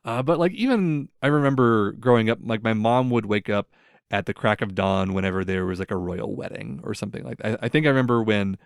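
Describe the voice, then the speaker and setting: A young man hosts a casual podcast chat, his voice fairly low and smooth. He rambles through stories, leaning on "like" and other fillers. The sound is dry and close, with no room echo. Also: brisk. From United States. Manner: rambling storyteller, filler-heavy, lots of "like". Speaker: podcast host.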